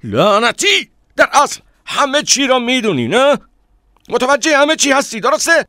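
A man's voice: sits low, expressive, vocal fry, no echo, clean studio sound, full character voice. A man voicing a relentless accusing stranger. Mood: furious. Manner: accusing, rising to furious shouts. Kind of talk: dramatic audiobook reading.

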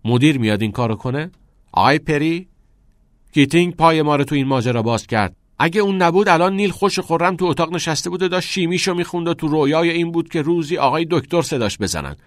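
A man's voice: mid-range voice, lively intonation, no room sound, studio quality, pitched above the performer's own voice, close to an everyday voice. A man voicing a smug, self-serving teenage schoolboy who talks in a pushy, mocking way. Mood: sneering.

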